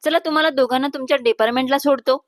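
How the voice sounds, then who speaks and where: A woman voicing a confident, teasing young husband in a storybook romance, dropping her voice lower and keeping it calm. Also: rapid-fire, no room sound, studio quality.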